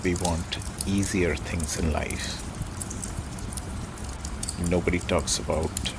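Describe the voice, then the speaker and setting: A man with a deep, gravelly voice muses reflectively in short, halting phrases, pausing often as he thinks. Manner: halting, pensive delivery in short broken phrases. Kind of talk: slow reflective spoken musing. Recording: clearly noisy ambient background.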